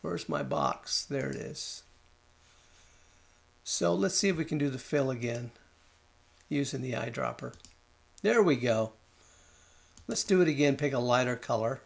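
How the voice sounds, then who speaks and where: A man talking through a design software tutorial, thinking aloud and muttering at the program as he works, with keyboard and mouse clicks behind him. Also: mid-range voice, very animated, a little slow, creaky, long pauses. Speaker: design instructor. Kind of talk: screen-recorded software tutorial.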